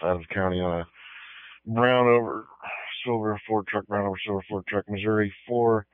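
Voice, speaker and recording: A man's voice: lowish voice, clear, resonant tone, dry recording. A male police officer calling in a truck and its plate over a police radio transmission, in clipped code and repeating each detail twice. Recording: narrow phone-like radio band.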